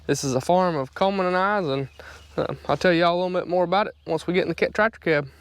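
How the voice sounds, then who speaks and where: A man's voice: high voice, quick pace, no echo. A man with a Southern US accent hosts a farming vlog, chatting in a casual, folksy, plain-spoken way. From North Carolina. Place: outdoors on farm and in tractor cab. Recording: loud engine and vehicle noise.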